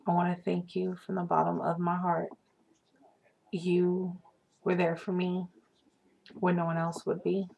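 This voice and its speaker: A woman's voice: lowish voice, monotone, unhurried, gravelly, long pauses, slightly rough, dull audio. A young woman fan speaking a hesitant, emotional message with many fillers, then reading her own poem aloud.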